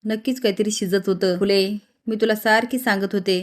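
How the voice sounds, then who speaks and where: A spiteful old grandmother gloating over bad news, read out by a woman narrator. The pitch barely moves, and the delivery stays even. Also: brisk, close to an everyday voice.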